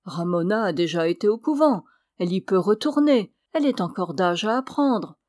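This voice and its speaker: A woman reading aloud voices a cool, controlling elderly mother in an audiobook. She speaks in a calm, measured, quietly persuasive way, at a middle pitch. The recording is close and dry. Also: no room sound, natural voice. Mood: coolly persuasive.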